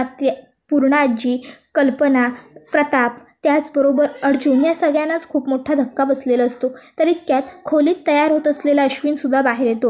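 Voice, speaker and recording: A woman narrating a recap of a TV serial in steady storytelling. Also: high voice.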